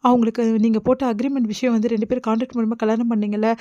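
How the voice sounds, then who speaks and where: A woman voicing a calm elderly grandfather who soothes the family. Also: a little high, rapid-fire, dry recording, muffled recording, natural voice. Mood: soothing. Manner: gentle, reassuring.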